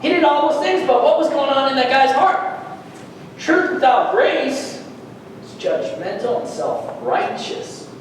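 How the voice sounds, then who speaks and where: A man preaching a sermon as pastor, animated, with rhetorical questions and emphatic peaks. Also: very high-pitched, slight background noise. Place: church hall. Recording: echoey church hall, far from mic.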